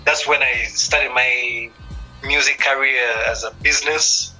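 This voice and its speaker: A man, a musician guest speaking thoughtfully, with many pauses, in a radio interview. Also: medium pitch, steady tone, bright, forceful tone, soft background music, low-quality recording. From East Africa. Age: 30s.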